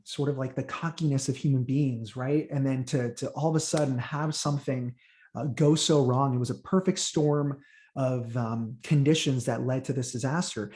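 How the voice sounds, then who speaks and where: A man's voice: medium pitch, dark tone. A young man from Honduras whose first language is Spanish, chatting eagerly as an interview guest and often repeating words as he starts a thought. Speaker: guest, Titanic content creator. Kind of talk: casual interview chat.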